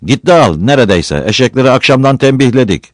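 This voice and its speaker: A gruff village man barks orders and grumbles in a raised voice, as a male narrator puts him on. The sound is dry and close. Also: medium pitch, expressive, fast talker, no echo, voice pushed up, lightly acted. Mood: grumbling. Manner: grumbling, bossy.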